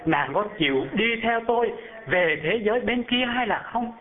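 A man's voice: sits high, expressive, normal speed, voice pushed up. A man voicing a dying old husband who pleads and laments with his wives, heard over a phone-like narrow band. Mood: lamenting.

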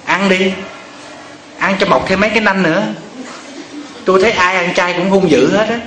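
A monk doing a sarcastic teasing husband. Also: male voice, high-pitched, normal speed, fairly bright tone, reverberant, a little hiss or hum, pitched above the performer's own voice, rough recording. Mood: mocking. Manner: dry mocking teasing. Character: sarcastic middle-aged husband, teasing his wife.

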